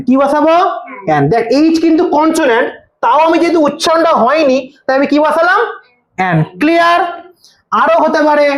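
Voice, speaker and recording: A woman's voice: high voice, reverberant. A woman tutoring a grammar lesson in a casual way, who keeps asking and answering her own questions and repeats the key answers.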